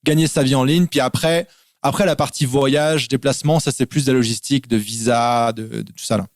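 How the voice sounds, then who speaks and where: French guy chatting relaxed, lots of euh and bah, dry close sound. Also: mid-range voice, fairly quick, no room sound. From France. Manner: relaxed, explains in lists with many fillers. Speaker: guest. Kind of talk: casual interview over a call.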